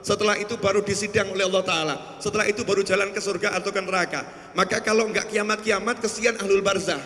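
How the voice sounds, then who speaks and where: Bright-voiced preacher in a reverberant hall. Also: male voice, sits high, quick pace. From Indonesia. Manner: lively storytelling, voicing quoted people. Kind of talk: sermon. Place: mosque. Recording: long reverb of a large hall.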